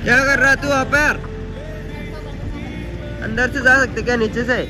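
A man's voice: very high-pitched, fairly even intonation, moderate pace, over music. A man hosting a casual vlog outdoors at a stadium site, chatting to viewers and calling them guys. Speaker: vlogger host.

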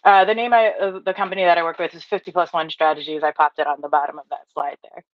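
A woman in her thirties from Hawaii runs an upbeat online training from her home office, reading chat replies aloud and using lots of fillers. Her voice is on the low side, with fairly even intonation and a quick pace. The workshop trainer comes through a webcam or laptop mic, and the video call audio is dry, dull and lo-fi.

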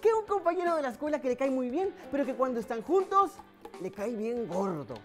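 Lively Mexican woman hosting a kids' show. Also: high-pitched, a little fast, soft background music. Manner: animated, playful, teasing. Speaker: children's TV host. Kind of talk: playful children's show hosting.

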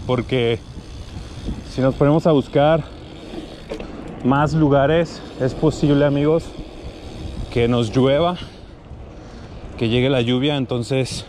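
Mexican guy doing a night explore vlog on his bike, normal pitch, action cam audio w lots of street noise. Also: a little mellow. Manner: addresses viewers as friends, sprinkles in English swearing. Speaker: vlogger. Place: outdoors on city streets at night, riding a bike. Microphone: action camera worn on the body. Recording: noisy outdoor street and traffic ambience.

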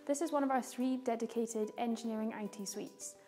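A young woman giving a scripted guided tour, calm and informative like a guide, speaking clearly. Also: fairly high pitch, a little fast. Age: young adult. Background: background music.

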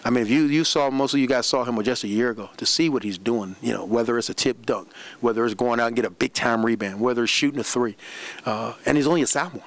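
A middle-aged man, a head basketball coach, answering questions after a game at a press room desk microphone, animated and repeating words as he talks. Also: medium pitch. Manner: animated, repeats words, fast run-on talk. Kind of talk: post-game press conference. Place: press room in front of a backdrop. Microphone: desk microphone on a stand.

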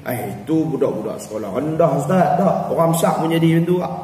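A man with a Malaysian Malay accent teaching Quran recitation at an evening class in a prayer hall, explaining the rules and chanting verses slowly to show them. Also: on the high side, expressive, dark tone, a little hiss or hum. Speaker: religious teacher. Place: cold air-conditioned prayer hall. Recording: distant, echoey hall with long reverb.

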